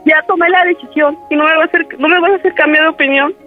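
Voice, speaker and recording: A man's voice: very high voice, fairly even intonation, very fast, narrow, tinny audio, soft background music. A man putting on the voice of a heartbroken young woman who accuses her boyfriend of cheating and refuses to hear him out, in a radio prank call. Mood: wounded, accusing. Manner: tearful, hurt and resolute, refusing to listen.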